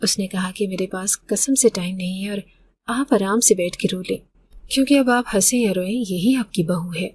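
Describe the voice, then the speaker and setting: A man's voice: high voice, a little hiss or hum, lightly acted. Give me a defiant grown son talking curtly, as a woman telling the story quotes him. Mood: dismissive. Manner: curt, dismissive.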